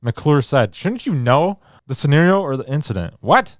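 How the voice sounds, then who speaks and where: A man reads news stories aloud on a podcast and breaks off into sarcastic, crude jokes. His pitch swings widely as he goes. The sound is dry and close, with no room echo. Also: sing-song, moderate pace. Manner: sarcastic, swearing, reads articles and riffs on them. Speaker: podcast co-host. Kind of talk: casual podcast chat reading news aloud.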